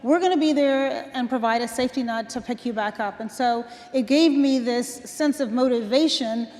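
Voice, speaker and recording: A woman in her sixties, a guest on stage, telling stories from her life in a relaxed conversational way, laughing between points. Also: fairly high pitch, normal speed. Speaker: guest speaker. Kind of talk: onstage conversation. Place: large event hall. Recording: long hall reverb.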